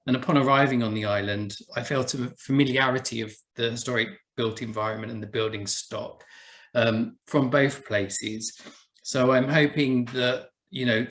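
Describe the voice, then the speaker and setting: A man with an Essex accent presents in a webinar, his voice at a middle pitch. He explains steadily and patiently, sometimes restarting a phrase as he goes. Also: fairly bright tone. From England. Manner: measured, explanatory, with small restarts. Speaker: buildings officer giving a talk.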